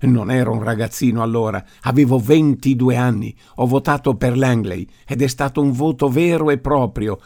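A man voicing a stubborn old grandfather in an audiobook reading, speaking forcefully and with indignation. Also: mid-range voice, normal speed, gravelly, few pauses, close to an everyday voice. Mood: indignant. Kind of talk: audiobook character voice.

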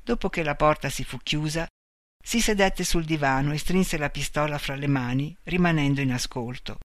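A man reading a story aloud in a measured, expressive way. His voice sits a little high for a man. It is recorded dry and close. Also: no echo. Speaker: narrator.

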